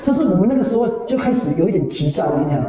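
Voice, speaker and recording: A man giving a conversational Buddhist teaching, animated and repetitive, often trailing lines with drawn-out particles. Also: sits high, a crowd in the background. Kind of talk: conversational dharma talk with personal anecdotes. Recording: echoey hall, voice from far off the mic.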